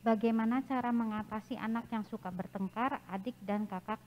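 A woman moderator reading audience questions aloud, halting as she reads from notes. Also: a little high, fairly even intonation, muffled recording. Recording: noisy background.

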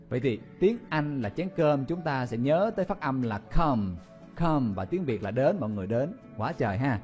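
Man, playful vocabulary teacher, mid-pitched voice, soft music behind. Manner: lively, playful, exclaiming and repeating words. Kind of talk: memory-palace vocabulary lesson.

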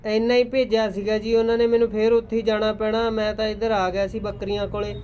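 A man with a Punjabi accent answering a scam call, playing along respectfully in a deadpan way. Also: high voice, fast talker, a little hiss or hum.

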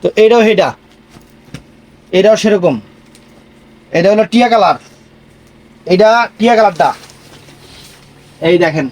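A man giving a live online sales pitch in an emphatic, repetitive patter. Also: a little slow, long pauses, darkish tone. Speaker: online saree seller.

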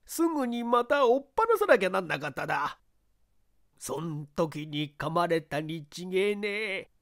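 A woman voicing a simple, earnest old male servant who talks in a thick rural dialect. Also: a little high. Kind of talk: audiobook character reading.

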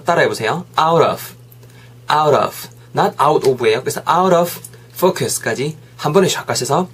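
A man teaching English phrases in a lively way, saying each sentence slowly for learners to repeat. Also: medium pitch, slightly rough. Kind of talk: English lesson.

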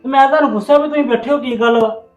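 Actor as a fast-talking, exasperated son; faint music under. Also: male voice, very high-pitched, low-quality recording. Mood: questioning. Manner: questioning, mildly exasperated. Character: puzzled grown son checking on his mother.

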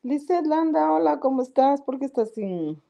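A woman hosts a casual podcast live stream, reading comments, chatting, laughing often and greeting viewers by name. Her voice is high, animated and creaky, at a moderate pace, and the audio sounds dull.

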